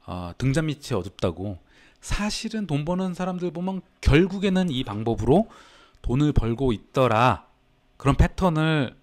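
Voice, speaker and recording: A man's voice: mid-range voice, darkish tone. A man hosting a casual livestream as a business coach, talking to his chat and reading comments aloud. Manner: chatty, answers live chat, reads comments aloud.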